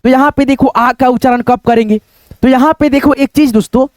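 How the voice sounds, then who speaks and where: Teacher, male, very high voice, spells words out slowly, close dry mic. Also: steady tone, no room sound. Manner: spells words out letter by letter, keeps asking "दोस्तों". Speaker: English teacher. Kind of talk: spoken lesson.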